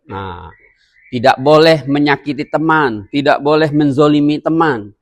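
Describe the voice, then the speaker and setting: A male religious teacher with a lilt gives children a lesson on good manners. His voice rises and falls with a wide, expressive swing. He keeps turning to the children with quick questions. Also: fairly high pitch. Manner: animated, quizzes his young listeners with questions.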